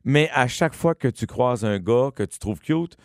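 A man's voice: medium pitch, expressive, moderate pace, heavy background noise. A man with a Quebec French accent co-hosting a podcast, joking around in casual banter. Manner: joking, clowning with funny voices. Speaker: podcast co-host.

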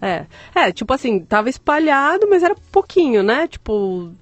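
This woman's voice sits high, and she speaks at a normal speed. As an interview guest, she tells her story conversationally, joking openly and acting out quoted speech with animation. The recording has no room sound, just faint background music.

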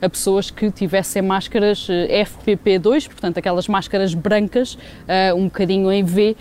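A woman with a European Portuguese accent giving a semi-spontaneous live report as a sports correspondent, often pausing mid-phrase. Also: medium pitch, fairly even intonation, warm tone, smooth. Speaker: sports journalist, special correspondent.

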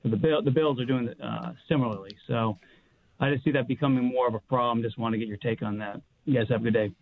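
A man phones in to a sports talk show, and his voice comes through a thin, tinny phone line. He talks casually and quickly, breaks off to correct himself, then carries on at a middle pitch. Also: steady tone, creaky. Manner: hurried, plain-spoken, stops to correct himself. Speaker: caller. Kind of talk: casual call-in chat.

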